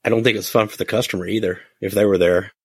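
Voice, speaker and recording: A man's voice: fairly low pitch, steady tone, fast, a little mellow, slightly rough. A man hosting a casual interview, mostly giving short, encouraging replies and asking questions. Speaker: interview host.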